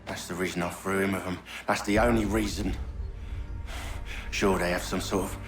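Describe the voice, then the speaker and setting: An actor playing an unrepentant, mercenary lowlife in a video game, talking in a coarse, scornful way. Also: male voice, flat delivery, normal speed, soft background music, close to an everyday voice. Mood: defiant indifference. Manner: coarse, scornful, folksy grammar. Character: cynical, mercenary lowlife villain, unrepentant and defiant.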